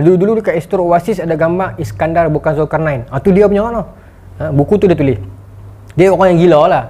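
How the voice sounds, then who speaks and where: A man giving a motivational lecture, telling stories with animated delivery and acted-out quotes. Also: high voice. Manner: animated storytelling, acting out quotes. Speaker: motivational speaker.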